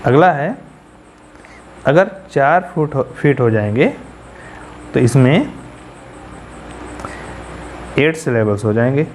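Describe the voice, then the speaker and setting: A man's voice: mid-range voice, takes it slowly, long pauses, darkish tone, a little hiss or hum. A man teaching poetry as a class lecture, repeating key terms and putting questions to the students. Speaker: English teacher.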